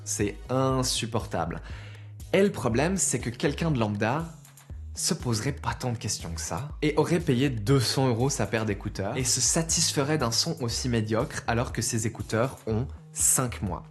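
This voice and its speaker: A man giving an opinionated consumer rant to viewers, exasperated and emphatic, conversational and full of rhetorical questions. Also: mid-range voice. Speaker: video presenter.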